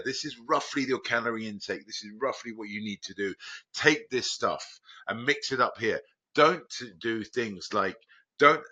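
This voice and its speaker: A man from Crete, a biotech founder guest, talking casually and rambling with many restarts and animated jumps in pitch. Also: slightly rough, muffled recording. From Greece, Crete. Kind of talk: casual conversational explaining.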